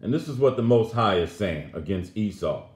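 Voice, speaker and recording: A man's voice: on the low side, sing-song, normal speed, a little mellow, roomy sound. A man teaching a Bible lesson, emphatically reading scripture aloud and commenting on it as he goes. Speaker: religious teacher.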